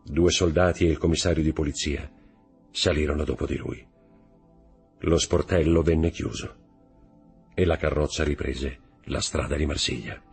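A man narrating a novel aloud in a measured, dramatic reading style. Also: rumbling low, steady tone, gravelly, a little mellow, husky. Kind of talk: audiobook narration. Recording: faint background music.

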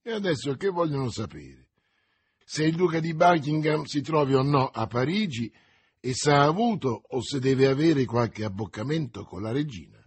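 A man's voice: medium pitch, animated, normal speed, slightly rough. A man reading an audiobook and voicing a young, hot-headed male Gascon swordsman with an impetuous, commanding manner. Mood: suspicious muttering.

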